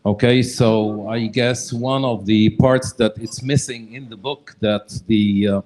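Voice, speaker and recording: A man's voice: mid-range voice, darkish tone, rough recording. A man from Egypt, a visiting entomologist, explaining his work in casual talk, often starting with "okay, so" and using phrasing. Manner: frequent "okay, so", non-native phrasing. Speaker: guest expert, entomologist. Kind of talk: casual talk at a discussion event.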